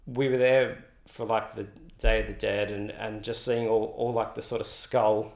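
A young Australian artist, a guest in a casual interview, chats loosely and ramblingly, full of "like" and restarts. His voice is fairly low-pitched with a flat delivery and a moderate pace, and the room gives off a noticeable echo.

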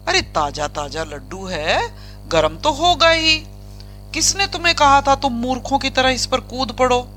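A woman's voice: high voice, sing-song, a little slow, bright, forceful tone, faint music behind, heavily acted. A woman voicing a teasing male magician who scolds in a chiding, matter-of-fact way. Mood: scolding.

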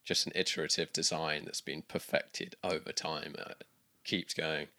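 A man's voice: rumbling low, level tone, normal speed, creaky, pushed and bright. A man from the UK in his thirties, chatting casually as a guest, rambling with many restarts and fillers. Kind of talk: casual interview chat.

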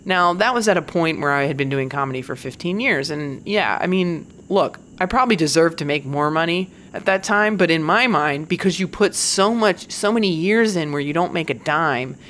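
A woman's voice: low voice, expressive, normal speed, hardly any pauses, a bit bright, a little hiss or hum. A woman comedian in her forties, talking in a candid, profane casual monologue and laughing now and then. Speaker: stand-up comedian.

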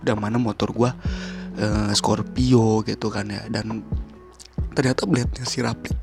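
A man tells a story as a caller, chatty and lively, acting out the shouts. His voice has a gravelly, creaky edge. Music plays clearly behind him. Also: lowish voice, unhurried. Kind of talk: casual storytelling. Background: music playing.

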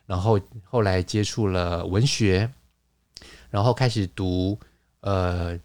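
A man with a fairly low voice talks through ideas at an easy, teacherly pace, pausing on fillers and correcting himself mid-word. The sound is dry and close, with no room around it. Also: a little mellow, no echo. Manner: explanatory, lecturing with fillers and restarts. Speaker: podcast host, wine lecturer. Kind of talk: casual conversational podcast.

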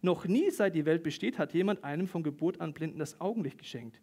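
A man's voice: fairly high pitch, lively intonation, fairly quick, dark tone. A man voicing a formerly blind young man who boldly and earnestly defends his healer, read aloud during a sermon. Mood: insistent. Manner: earnest, insistent.

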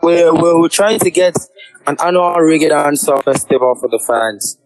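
A man from Ghana, a dancehall artist, answering interview questions in a relaxed, agreeable way. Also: on the high side, normal speed, poor audio. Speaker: reggae dancehall artist, guest. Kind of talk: casual interview chat.

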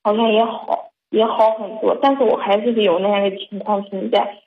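Anxious young woman halting on a muffled line. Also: medium pitch, fairly even intonation, slight background noise. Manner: halting, anxious, many restarts. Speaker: caller. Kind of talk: call-in confession.

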